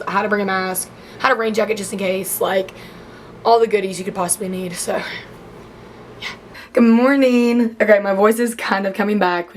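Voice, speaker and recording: A college freshman in her late teens chats in a casual vlog, her medium-pitched voice growing slightly hoarse as she loses it. She rambles, filling her speech with lots of "like."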